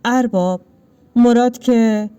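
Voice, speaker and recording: A woman's voice: fairly high pitch, steady tone, mellow, clear, resonant tone, highs cut off, lightly acted. A woman voicing a nervous village father in a read-aloud story, speaking hesitantly and trailing off. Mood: nervous pleading. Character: flustered, frightened village father.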